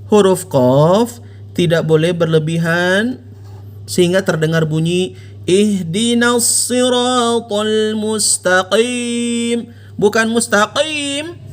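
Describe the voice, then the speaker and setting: Patient Indonesian man teaching recitation. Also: sits high. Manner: patient, explains then recites slowly for the listener to repeat. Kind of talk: instructional explanation with slow demonstrations.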